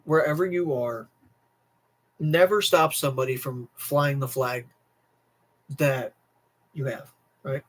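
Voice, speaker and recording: A young adult American man hosts a livestream and rants casually to chat, emphatic and repetitive, cursing as he goes. He speaks at a medium pitch and a slow pace, pausing often.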